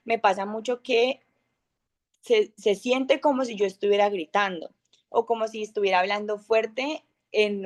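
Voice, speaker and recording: Young woman, loud and high-voiced, informal teaching talk with lively examples. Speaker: speaker of an online masterclass.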